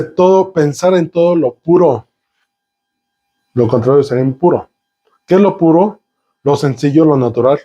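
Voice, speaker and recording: Slightly high, warm, and a bit rough, this male voice delivers a sermon full of piled-up synonyms and rhetorical questions. He engages the congregation, putting questions to them as he speaks.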